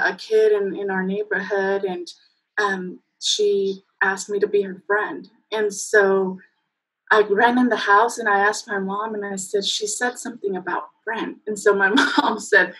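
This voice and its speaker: A husky, mid-range female voice comes through poor audio from a laptop webcam. She's in her thirties, from Mexico, a native Spanish speaker, and she's the guest on a casual video-call interview from a room in her home, telling warm stories with lots of fillers and bursts of laughter.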